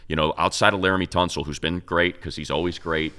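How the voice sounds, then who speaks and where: A man with a low, steady, bright and forceful voice talks fast, and his sound is clear and resonant. He co-hosts a sports show as an analyst, breaking down football in a casual, conversational way and repeating words for emphasis.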